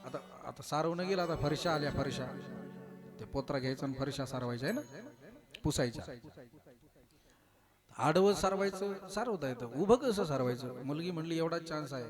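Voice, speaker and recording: A man preaching a devotional kirtan, telling a story with loud and quiet turns. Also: fairly high pitch, lively intonation, moderate pace, pauses often. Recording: live kirtan with instrument music.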